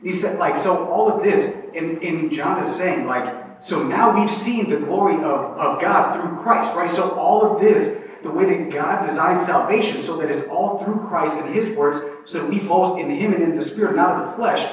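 A man taking part in a church Bible class discussion, talking in a halting, searching way with many restarts and reading scripture aloud. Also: a little high, slight background noise. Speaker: class participant. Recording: echoey room, voice from a distance.

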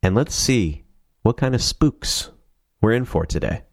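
A paranormal channel host with a lowish, expressive voice reads ghost stories casually into a studio microphone, tossing in sarcastic asides. A sinus cold makes him sound stuffy and nasal, he speaks a little slowly, and there is noise in the background.

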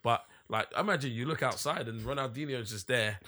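A man's voice: medium pitch, fairly quick. A young man with a London roadman accent and urban slang, bantering casually and swearing freely with a group. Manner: animated, sweary.

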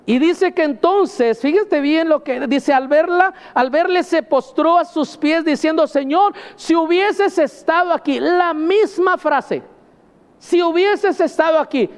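High-voiced emphatic preacher in a reverberant hall. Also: male voice, expressive, slow. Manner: emphatic, keeps addressing listeners as brother. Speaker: pastor. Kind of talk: sermon.

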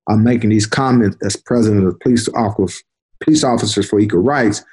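Husky-voiced older man telling stories. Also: on the low side, darkish tone. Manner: unhurried, repeats words while recalling. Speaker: interview guest, retired police detective. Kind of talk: conversational storytelling.

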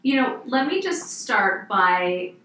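A woman's voice: a little high, sing-song, slow pace, pushed and bright, far from the mic, a little hiss or hum. Upbeat woman hosting a podcast, echoey room. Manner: upbeat, chatty, with fillers. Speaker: podcast host, plastic surgeon. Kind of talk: podcast interview. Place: office.

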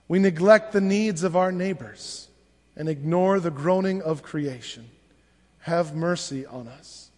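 A male pastor leading liturgical prayers at a pulpit microphone in a church, reading in a measured, solemn way. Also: high voice. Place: church sanctuary. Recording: long church reverb.

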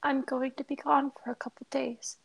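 A woman voicing a timid, tearful young woman who speaks softly and apologizes through trembling words. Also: high-pitched, flat delivery, normal speed, creaky, pitched above the performer's own voice, low-quality recording. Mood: quiet. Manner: soft, trembling, breaking apologies.

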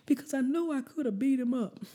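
A small boy sobbing out his excuses in a husky, mellow tone, as a woman preacher plays him for her story. He sounds whiny and upset. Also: high voice, a little fast, voice pushed up. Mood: tearful. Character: young boy, crying and upset.

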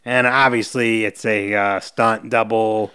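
A man co-hosting a podcast, chatting casually as he recaps a TV episode and acts out quick quotes from its scenes. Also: on the low side, fairly even intonation, pushed and bright, clear, resonant tone. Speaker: podcast co-host.

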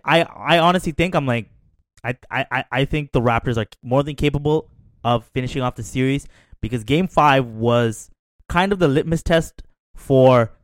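A confident man talking sports on a panel, trash-talking freely and tagging his points with "right?". His pitch is mid-range, recorded on a close mic with a dry sound. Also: dry recording. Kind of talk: casual sports talk.

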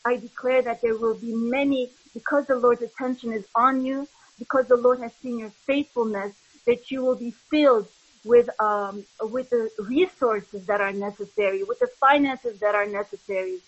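A woman leads a prayer and declares blessings in a slow, solemn way. Her voice sits a little high and sounds breathy. The audio is muffled and lo-fi. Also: steady tone.

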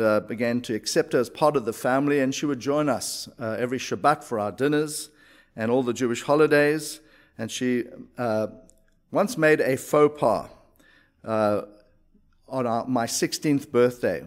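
A man giving a personal testimony, reflective and measured, with frequent hesitations. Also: mid-range voice. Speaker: speaker sharing his faith story.

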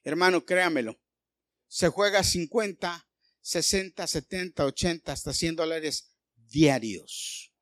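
Animated man preaching a sermon. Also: on the high side, takes it slowly, no room sound. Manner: animated preaching with rhetorical questions to the congregation. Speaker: pastor.

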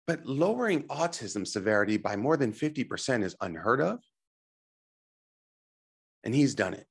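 A man's voice: medium pitch, big pitch swings, moderate pace, gravelly, breathy edge. A middle-aged man giving a motivational slide presentation, emphatic and coaching, putting questions to the listener and checking in. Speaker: presenter and teacher on health technology.

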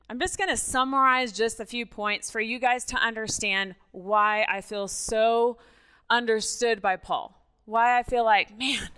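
Speaking as a church guest, this native Spanish speaker from Mexico, middle-aged, tells her own story in an animated, chatty way and keeps checking on her audience. Her voice is on the high side and smooth.

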